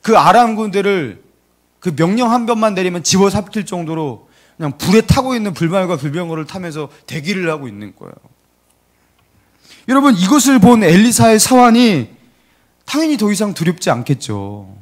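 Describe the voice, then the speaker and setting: Animated man preaching a sermon. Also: high-pitched, normal speed. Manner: animated storytelling, asks the congregation questions. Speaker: pastor. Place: church.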